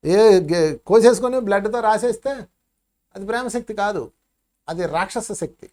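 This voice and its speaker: A meditation teacher in his fifties gives a spiritual talk to his listeners. He tells his stories in an animated way, dropping his voice low and then rising loud again. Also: moderate pace. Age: 50s. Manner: animated storytelling with sharp swings in loudness.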